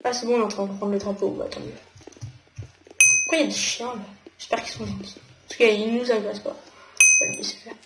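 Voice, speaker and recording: A young woman with a French accent giving casual gameplay commentary, thinking aloud with quick exclamations. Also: mid-range voice, fairly even intonation. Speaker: gamer. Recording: echoey room with noticeable noise.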